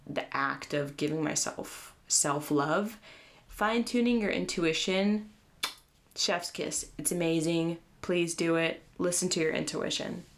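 A woman's voice: on the low side, creaky. Chatty young woman with a slight lisp. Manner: chatty, earnest, lots of "like" and "um". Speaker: podcast host. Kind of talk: casual solo podcast advice.

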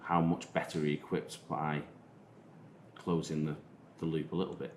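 A man with a Manchester accent talking casually as a podcast host, often halting and rephrasing. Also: very deep voice, little pitch movement. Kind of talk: casual discussion of digital marketing. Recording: roomy echo, faint noise.

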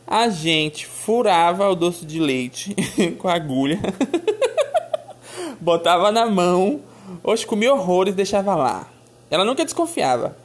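A woman telling a childhood story in a casual, animated, exclamatory way. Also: fairly low pitch, measured pace. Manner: animated, exclamatory, addresses listeners as "minha filha".

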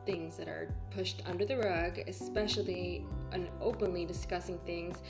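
A woman's voice: lowish voice, steady tone, normal speed. A woman host reading a scripted introduction of her guest. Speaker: show host. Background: music.

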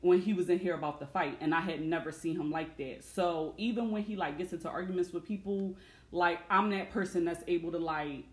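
Animated woman chatting in an echoey room. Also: lowish voice, brisk. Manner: animated storyteller, acts out quotes. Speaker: podcast host. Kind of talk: casual chat.

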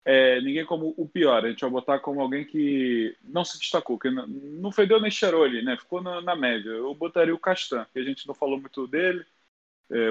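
Fast-talking Brazilian man on a dull mic. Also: mid-range voice. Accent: Brazilian Portuguese. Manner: quick, slangy, ends points with 'né?'. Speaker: podcast co-host. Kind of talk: casual sports podcast chat.

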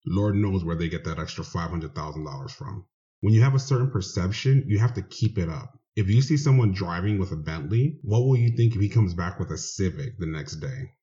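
Host guy with a low mellow voice, earnest and chatty, kinda dull lo-fi sound. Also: lively intonation, brisk. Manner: earnest, admiring, conversational. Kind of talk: casual spoken introduction. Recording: dull lo-fi recording.

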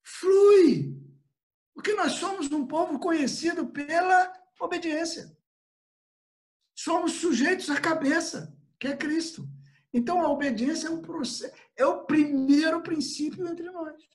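Brazilian church elder, older man, lively sermon delivery, acts out quotes, video-call audio. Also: very high-pitched, unhurried. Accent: Brazilian Portuguese. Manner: animated, acts out little quoted exchanges. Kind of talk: Bible study sermon.

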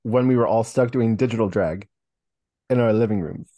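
A man co-hosting a podcast, playful and sassy, quick to laugh. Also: on the low side, a crowd in the background. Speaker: podcast co-host. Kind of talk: casual chat.

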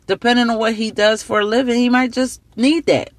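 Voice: medium pitch, fairly even intonation, brisk, no echo. Slightly tipsy podcast host, blunt and profane, rambling advice, dry close mic. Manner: blunt, heavy swearing, rambling. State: slightly tipsy, slurring words. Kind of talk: casual advice monologue.

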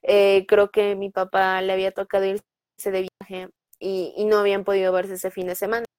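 A young woman with a Mexican Spanish accent tells personal stories in a loose, chatty way. She fills pauses and tags her sentences with little questions. Her voice sits at a middling pitch, and the recording is dry and close. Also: monotone, a little mellow, smooth, no echo. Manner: chatty, lots of fillers and tag questions. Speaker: guest telling personal stories. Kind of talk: casual storytelling.

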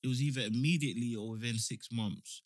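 A young man with a London roadman accent chats casually and slangily, giving animated opinions like a podcast co-host. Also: mid-range voice, fast talker, dry recording. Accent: London roadman, multicultural London slang. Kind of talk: casual chat.

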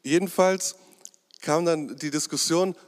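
A man's voice: fairly high pitch, unhurried. A man preaching a sermon in a conversational, hesitant way, with many fillers and asides joking with the congregation. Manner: jokes with the congregation. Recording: long hall reverb.

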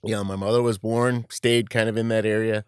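Low, clear man. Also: little pitch movement, a little fast, dry recording, studio quality. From Queens, New York. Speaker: interview guest, club communications executive. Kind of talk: casual conversational reminiscence.

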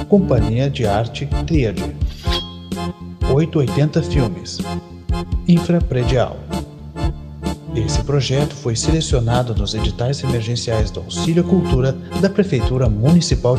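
A Brazilian man announces in the manner of an old radio serial. His voice sits at a middle pitch as he reads scripted credits. Loud music plays behind him.

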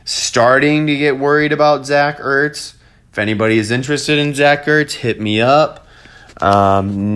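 A man's voice: mid-range voice, a bit bright. A young man giving casual, profane fantasy football rundowns on a laptop, ranting and mocking himself. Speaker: fantasy football league commentator. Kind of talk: casual chat.

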